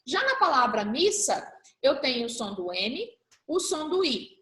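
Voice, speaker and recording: A high-pitched woman teaching young pupils, patiently spelling out letter pairs one at a time. She talks in a roomy, echoing space at school. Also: sing-song, unhurried, sharp tone. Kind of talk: recorded class review lesson.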